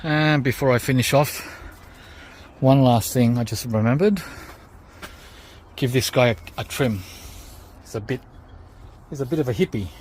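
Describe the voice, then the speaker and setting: Outdoors, a tired gardening channel host whose first language is Greek explains each step after digging, addressing viewers as guys in casual vlog talk to camera. His medium-pitched voice is a little mellow, with a measured pace and frequent pauses. A little hiss or hum sits in the background.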